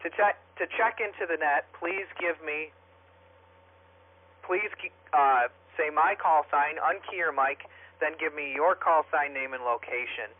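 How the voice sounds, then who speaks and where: A man's voice: fairly high pitch, a little slow. A man acting as net control on an amateur radio net, calling stations in an orderly way, his voice heard over a two-way radio. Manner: orderly, reads out call signs, with some fillers. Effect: heard over a two-way radio, narrow and tinny. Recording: thin band-limited radio transmission.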